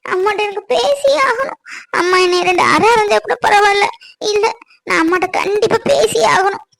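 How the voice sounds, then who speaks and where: A woman's voice: very high voice, moderate pace, vocal fry, fairly bright tone, heavily acted. A woman voicing a tearful young married daughter in a cartoon, pleading and sobbing as she begs her mother's forgiveness. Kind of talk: cartoon voice acting.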